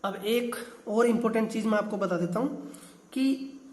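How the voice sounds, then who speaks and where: In a roomy-sounding recording, a man with a high voice teaches geography at normal speed. He explains things step by step, repeating key terms and frequently answering his own questions.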